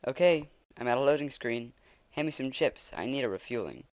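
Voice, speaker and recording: A man's voice: medium pitch, lively intonation, a little fast, close to an everyday voice. A man voicing a nerdy young male gamer who barks orders from his hideout. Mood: frantic.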